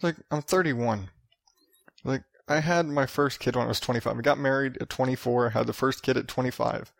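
A man's voice: medium pitch, fairly even intonation, brisk, creaky, dry recording, clean studio sound. Rambling, profane man in his thirties. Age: 30s. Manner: rambling, profane, self-mocking. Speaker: podcast host. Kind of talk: casual solo podcast monologue.

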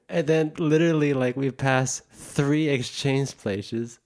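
A man's voice: medium pitch, slow, darkish tone. A young man in casual chat, telling a travel story with laughs and little impressions. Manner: storytelling, laughing, imitates others.

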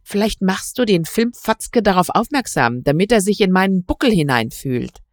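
A woman's voice: medium pitch, very animated, moderate pace, dry recording, studio quality, close to an everyday voice. A woman reading aloud voices a grumpy, touchy middle-aged male musician who sulks and flares up when needled. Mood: grumbling.

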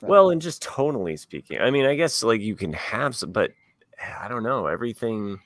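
Gravelly low-voiced podcast man with dry quips. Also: very animated, normal speed, a bit bright, no echo. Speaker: podcast co-host. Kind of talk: casual chat.

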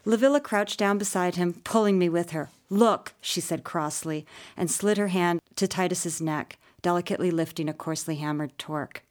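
Low-voiced woman reading a story. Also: moderate pace, darkish tone. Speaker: audiobook narrator. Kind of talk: scripted first-person narration.

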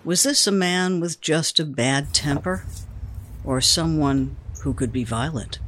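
A man hosting and narrating a documentary podcast, speaking in a calm, measured way. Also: a little high, background noise. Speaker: podcast host and interviewer.

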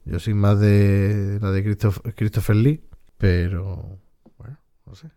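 A man's voice: on the low side, fairly even intonation, slow, mellow. A man, co-hosting a podcast and hesitantly thinking aloud about a film. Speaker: podcast co-host. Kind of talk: casual film discussion.

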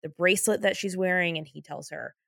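A woman's voice: lowish voice, fairly quick, gravelly, fairly bright tone, no room sound, clean studio sound. A young woman co-hosting a casual chat, wry and teasing as she recaps a TV show. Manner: wry, teasing, laughs often, swears casually. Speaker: podcast co-host.

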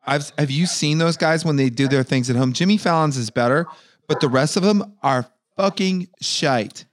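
A man hosts a casual-chat podcast over a video call, rambling, swearing heavily and, by his own admission, drunk. His voice is a little high and moves at a moderate pace.

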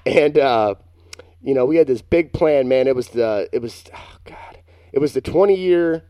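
A man's voice: mid-range voice, normal speed, dark tone, dry recording. A young man co-hosting a casual chat, telling a long, rambling, self-mocking story. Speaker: podcast co-host.

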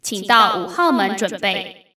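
A woman teacher reading flight notices as a female airport announcer, in a formal, measured way, as if over an airport intercom. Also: mid-range voice, lively intonation, bright, forceful tone. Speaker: Chinese teacher. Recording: roomy, distant-miked echo.

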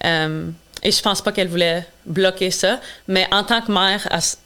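Her voice sits on the low side, pushed and bright, clear and resonant, at a normal pace. A charity founder from Quebec in her twenties whose first language is English, she answers an interviewer's questions earnestly but hesitates often.

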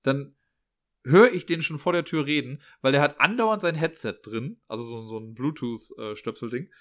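A man's voice: medium pitch, normal speed, a bit bright. A man telling a casual vlog story, chatty, acting out dialogue and tagging lines with "ne?". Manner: chatty storyteller, acts out dialogue, frequent "ne?" tags. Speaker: after-school care worker. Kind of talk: casual personal vlog monologue.

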